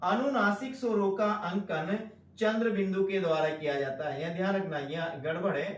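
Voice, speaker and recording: A man's voice: high-pitched, distant mic. A man teaching Hindi grammar in an online exam-prep lecture, repeating key terms and asking the class questions. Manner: addresses listeners as friends, slow deliberate emphasis. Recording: echoey room, voice off-mic.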